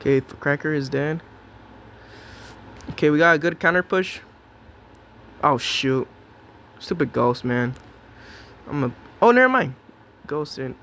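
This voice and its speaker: Young man, gameplay commentary, excitable and jokey, slightly high voice, gravelly fry. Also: a little slow, pauses often, a little hiss or hum. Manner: excitable, jokey, talks to himself and the opponent.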